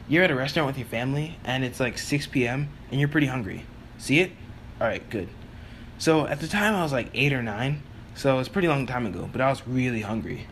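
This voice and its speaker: A man's voice: medium pitch, slight background noise. A young man narrating a casual story-time voice-over, chatty and exasperated, with lots of fillers. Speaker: YouTuber telling a story.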